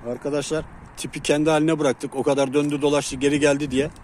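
A man with a somewhat high voice talks casually to the camera beside his pigeon loft. He keeps breaking off to call and coax the birds down. Traffic and birdsong fill the noisy outdoor recording around him. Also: level tone, fast. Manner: calls and coaxes pigeons loudly, chatty. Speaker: pigeon keeper and channel host. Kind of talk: casual outdoor vlog chat. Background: birds and city traffic.

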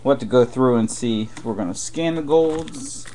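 A card break host mutters play-by-play while opening packs of trading cards live, in a room with boxes on a desk. He has a medium-pitched voice and a moderate pace, with background noise and faint wrapper crinkling behind him.

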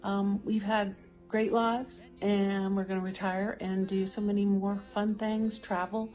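A woman's voice: medium pitch, little pitch movement, a little slow, darkish tone, soft background music. A woman recording a heartfelt, affectionate video message to a close friend. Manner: affectionate, sincere.

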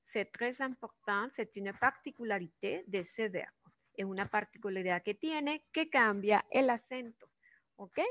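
A woman with a Venezuelan accent teaching a French grammar lesson in Spanish, drawing out the French words slowly and often checking in with her students. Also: fairly high pitch, fairly bright tone, no echo. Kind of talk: classroom lesson explaining grammar. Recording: dull, dry lo-fi recording.

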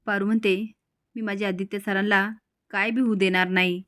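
A woman's voice: mid-range voice, level tone, brisk, a bit bright, no echo, clean studio sound. A woman retelling a TV serial episode as a story, reading all the characters' lines in her own plain voice. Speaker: narrator recapping a TV serial episode. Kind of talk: storytelling recap with quoted dialogue.

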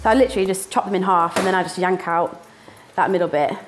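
This young northern English woman talks fast in a lowish, steady voice as she gives a casual cooking demonstration from a small indoor kitchen, where the background is noisy. A student presenter, she keeps things playful, laughing often and making little sound words.

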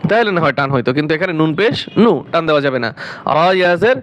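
A man's voice: on the high side, lively intonation, fast talker, highs cut off. A man teaching Quran recitation, spelling out letters and drawing out each syllable, repeating words several times before explaining them. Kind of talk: slow spelled-out recitation lesson.

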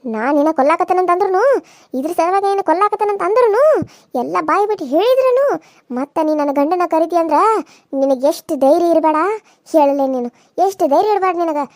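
A woman's voice: very high-pitched, lively intonation, fast, darkish tone, no echo, studio quality. A woman voicing a vengeful, menacing village wife in a cartoon serial, taunting. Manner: taunting, threatening.

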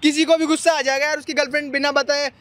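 Guy playing a jealous sarcastic boyfriend, high voice, rattles it off quick. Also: little pitch movement, a bit bright, a little hiss or hum. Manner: sarcastic, taunting. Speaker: actor in a comedy skit. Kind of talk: Hindi comedy skit acting.

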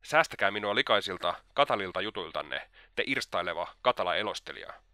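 A man's voice: low-pitched, expressive, pushed and bright, no room sound, studio quality. A man voicing Raskolnikov, a scornful, agitated young man. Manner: scornful, indignant.

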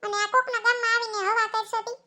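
A pack of shrill, bossy village women in a cartoon, with a Kathiawadi accent. The voice sits sky-high and bright, racing along as it nags and hollers. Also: female voice, level tone, exaggerated voice. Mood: scolding. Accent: Kathiawadi Gujarati. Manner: shrill, quick, nagging and shouting. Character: loud bossy village women, middle-aged, scolding. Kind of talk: cartoon comedy voice acting.

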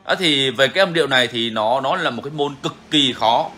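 A man's voice: medium pitch, fairly quick, sharp tone. A man hosting a bird-keeping channel, talking casually and frankly to viewers, repeating himself often. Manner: frank, repetitive, chatty.

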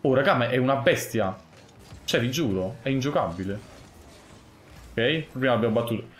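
A young man commentating his own gameplay live, muttering one moment and yelling the next. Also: medium pitch, moderate pace, reverberant, a little hiss or hum. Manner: excitable, swings from muttering to yelling. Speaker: gaming streamer.

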